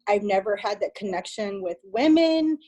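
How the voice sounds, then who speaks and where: A woman, a mother, sharing her story as a fitness coach on a video call, rambling in a quick, excitable way. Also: mid-range voice, muffled recording. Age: adult mother. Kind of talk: casual emotional testimony.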